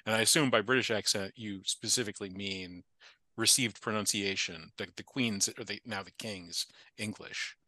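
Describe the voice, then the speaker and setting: Low, bright-voiced man musing aloud. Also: moderate pace, no echo. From Appalachian United States. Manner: thoughtful, digressive, with frequent restarts. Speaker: podcast guest. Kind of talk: casual conversation.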